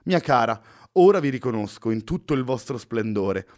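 A man voicing an excitable male poet who speaks in a formal, old-fashioned way, in a dry-sounding recording. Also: medium pitch, moderate pace, dry recording, natural voice. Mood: pleased.

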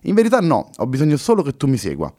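A man's voice: mid-range voice, wildly swooping pitch, quick pace, dark tone, no echo, studio quality, pitched above the performer's own voice. A man reading a story and voicing a nervous young Frenchman with a French accent who is sometimes smug. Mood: cocky. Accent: French (put on). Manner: fretful, a little smug. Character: anxious young Frenchman, boastful at times.

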